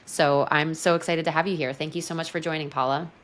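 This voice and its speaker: A woman's voice: sits low, steady tone, fast, a little hiss or hum. A woman podcast host who reads a scripted intro, then asks interview questions in a welcoming, enthusiastic way.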